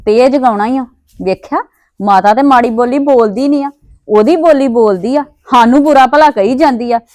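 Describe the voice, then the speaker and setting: A woman's voice: on the high side, normal speed, a little mellow, no room sound, clean studio sound, natural voice. A woman with a Punjabi accent playing a bitter daughter-in-law who scolds indignantly.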